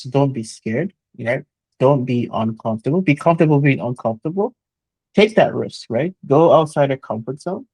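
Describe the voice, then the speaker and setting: A man, a chemical engineer talking earnestly in an interview, often pausing with "uh" and starting with "so". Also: mid-range voice, a little mellow, no room sound, low-quality recording. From Jamaica. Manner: earnest, motivational, frequent "uh" and "so". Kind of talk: conversational interview.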